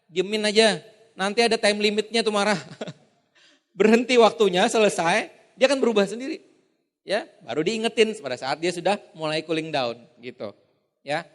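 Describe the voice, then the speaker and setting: A man giving a lively seminar talk as a trainer, animated and laughing often as he acts out the people in his examples. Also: sits high. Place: seminar hall. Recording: echoey hall reverb.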